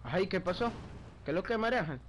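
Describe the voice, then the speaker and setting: Over some background noise, a Venezuelan gaming video creator chats through gameplay with a friend in a high-pitched, lively voice, speaking briskly. He laughs a lot and swears casually, his Venezuelan Spanish accent clear throughout.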